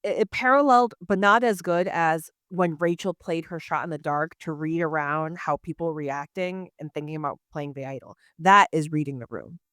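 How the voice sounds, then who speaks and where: Female co-host, smooth clear voice, animated chatty delivery. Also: sits low, normal speed, few pauses, dry recording, clean studio sound. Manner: animated, acts out quoted lines. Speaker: podcast co-host. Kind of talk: casual recap chat.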